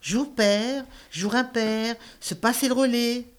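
A woman's voice: on the high side, steady tone, takes it slowly, clear, resonant tone. An actress playing an irritable, bored woman in a stage-play dialogue, speaking in clipped, insistent, repeated phrases. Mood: weary, resigned. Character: restless, irritable, bored woman fed up with theatre and hospital visits.

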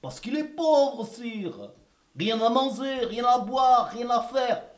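A man's voice: very high-pitched, animated, slow pace, full character voice. A man playing a fretful, long-suffering royal servant in a comic sketch, deferential and anxious. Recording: echoey room.

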